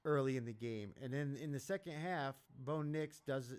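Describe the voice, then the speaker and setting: A man's voice: mid-range voice, moderate pace, darkish tone, clear, resonant tone. A man hosting a live sports betting stream, giving blunt, profane, rambling reactions to the game as it plays. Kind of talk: casual live game commentary.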